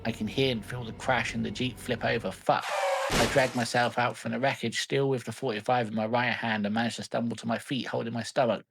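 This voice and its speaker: A man's voice: mid-range voice, fairly even intonation, fairly quick, creaky, very noisy. A man reading fanfiction aloud in a mock-dramatic voice and joking about it as a podcast host. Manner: reads in a mock-dramatic voice, swears, laughs. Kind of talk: comic dramatic reading and banter.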